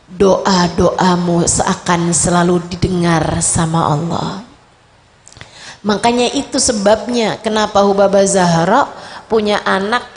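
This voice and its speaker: A woman preacher delivering an impassioned, emotive sermon. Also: medium pitch. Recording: echoey hall.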